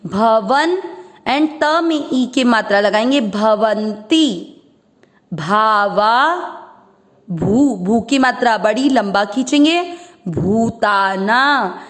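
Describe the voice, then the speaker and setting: A high-pitched woman walks through a recitation lesson at an unhurried pace. She breaks each word into syllables and draws the sounds out patiently. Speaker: Sanskrit recitation teacher. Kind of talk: slow syllable-by-syllable pronunciation lesson.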